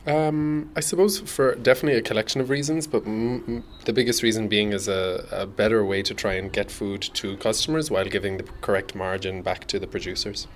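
A man's voice: lowish voice, steady tone, a little fast, few pauses, slight background noise. A man explaining things as an interviewee. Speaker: food business founder interviewed.

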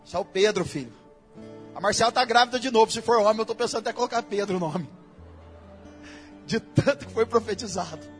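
A Brazilian man preaching in a church with a very high voice. He keeps the sermon casual and full of slang and speaks straight to the congregation. Soft music plays behind him. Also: fast talker, pauses often. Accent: Brazilian Portuguese. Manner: casual, slangy preaching that addresses listeners directly.

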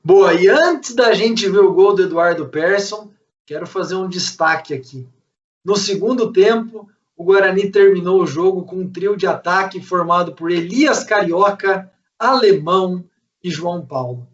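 A man's voice: high-pitched, normal speed. A man with a Brazilian accent hosting a casual football recap and discussion. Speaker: host of a football fan show. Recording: dull, distant microphone.

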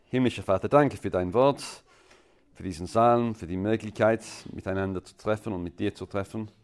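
This is a sermon by a guest preacher from England who has an English accent and a fairly low voice. A native English speaker, he nonetheless delivers it in slow, halting, deliberate speech that sounds non-native.

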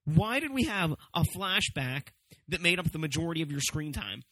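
Emphatic, higher-voiced man reviewing casually. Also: sing-song, normal speed, sharp tone, no echo. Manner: emphatic, profane, swooping for stress. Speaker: movie review show host. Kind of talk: casual, comedic review commentary.

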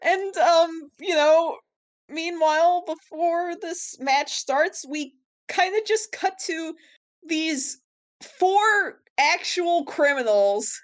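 A woman's voice: extremely high pitch, expressive, slow. A woman co-hosting a podcast in loose, casual chat. She laughs often and leans on fillers and restarts as she recaps an episode with her co-host.

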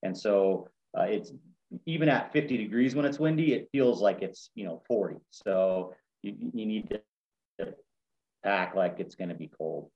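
A man's voice: on the low side, unhurried. Easygoing man, slightly dull audio. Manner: easygoing, laughs while talking. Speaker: shooting match organizer. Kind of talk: casual chat.

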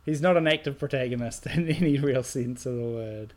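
A man's voice: mid-range voice, brisk, a little mellow. A man co-hosts a podcast, picking apart a film in casual chat. He rambles animatedly, restarting sentences as he goes. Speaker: podcast co-host. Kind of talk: casual movie review chat.

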